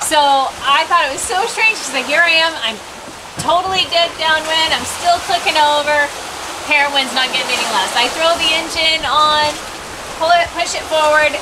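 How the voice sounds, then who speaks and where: A woman in her thirties chatting in a relaxed way while sailing a boat. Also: high-pitched, normal speed, noisy background. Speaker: sailing vlogger. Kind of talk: casual chat. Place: outdoors on a sailboat at sea.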